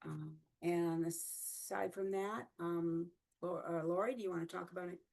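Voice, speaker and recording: A woman's voice: lowish voice, fairly even intonation, measured pace, vocal fry, darkish tone. A woman organizing a fan gathering, chatting casually on a video call with many fillers.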